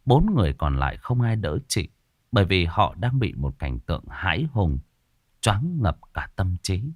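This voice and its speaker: A man's voice: low voice, big pitch swings, normal speed, no echo, clean studio sound. A man narrating a ghost story with dramatic, varied storytelling delivery.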